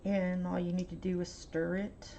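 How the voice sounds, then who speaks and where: A woman art vlogger with a fairly low, mellow, creaky voice demonstrates paint swatching at home, her pitch moving very little. She rambles and hesitates, plugging pauses with lots of ums and uhs. The audio is a dull lo-fi home recording carrying a faint hiss.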